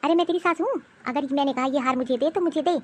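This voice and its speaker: A woman's voice: high-pitched, quick pace, a little mellow, a little hiss or hum, lightly acted. A woman voicing a domineering older mother-in-law in a cartoon, with a harsh, taunting, commanding manner. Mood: scolding. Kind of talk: cartoon voice acting.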